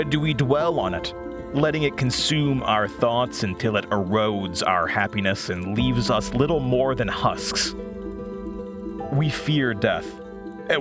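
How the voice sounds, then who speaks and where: In an audio drama, a man with a medium-pitched voice plays an earnest, reflective radio show host. He speaks in a measured way and leaves pauses.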